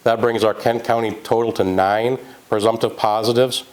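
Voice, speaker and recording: Guy from the county health dept giving an update, kinda low voice, calm and earnest, some uhs. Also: rough recording. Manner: measured, earnest, with fillers. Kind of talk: public health video update.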